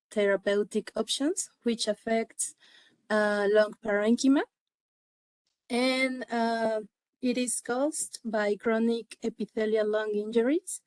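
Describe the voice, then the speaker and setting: A woman with a Mexican accent, a native Spanish speaker, presents academic material at a slow pace. She is halting, often pausing partway through a sentence. The sound is dry, with very little room around her voice. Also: mid-range voice, a little mellow, no room sound. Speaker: conference presenter, medical researcher.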